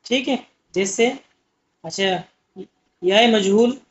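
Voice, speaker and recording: A man's voice: high voice, slow. A man teaching an Urdu exam-prep lesson, explaining patiently and asking questions that he answers himself. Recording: muffled lo-fi audio.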